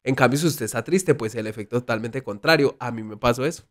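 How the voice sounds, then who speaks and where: A man's voice: mid-range voice, fast. A young man, telling a story in casual chat among friends on a podcast, acting out the lines he quotes. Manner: animated, acts out quoted lines. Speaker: podcast co-host.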